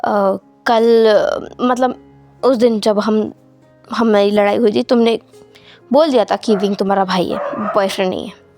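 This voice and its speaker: A woman voicing an earnest, apologetic young man in a fanfiction story, soft-spoken and hesitant. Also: medium pitch, fairly even intonation, measured pace, faint music behind, pitched below the performer's own voice, lightly acted.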